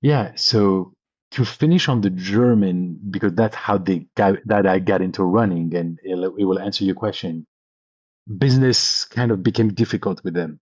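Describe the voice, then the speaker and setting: As a podcast guest, a venture capitalist from Paris in his thirties swaps personal stories in a casual, enthusiastic way. His deep voice is darkish and slightly rough, at a moderate pace. The recording is dry and muffled.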